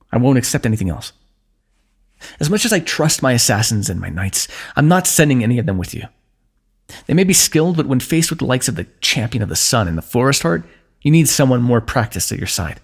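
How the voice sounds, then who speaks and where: A man with a mid-range voice plays a protective, lovesick warrior king in a fantasy ASMR roleplay. He pleads earnestly with the listener, firm and protective.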